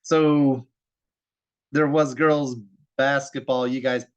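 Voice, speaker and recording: A man's voice: medium pitch, little pitch movement, slow pace, clean tone. A man interviewing his mother casually, attentive, and summing up her answers back to her.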